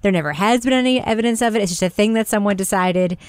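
Female podcast host, average pitch, blunt and informal, comfortable with swearing, recorded dry and close. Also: fast talker, clear, resonant tone, no room sound. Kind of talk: casual review podcast, partly scripted introductions.

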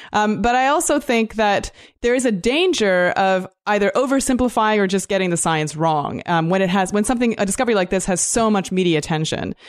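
A woman podcast co-host lays out a science story in a steady, explanatory tone. She speaks in a mid-range voice, with the odd "um" as she works through her thoughts. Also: medium pitch. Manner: measured and explanatory, with some "um" fillers.

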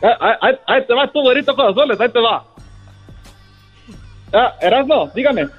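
Stammering Mexican rancher caller, very high and muffled, a man putting him on. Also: animated, slightly rough, soft background music, heavily acted. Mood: rambling. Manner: rambling, stammering, drawn-out rural talk. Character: boastful rural rancher man calling in.

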